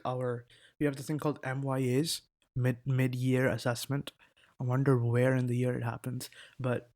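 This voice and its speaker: Speaking in a mid-range, slightly mellow voice, a teenage vlogger chats loosely into a desk mic while indoors at a laptop. He wanders off topic, cuts himself off, and swears occasionally.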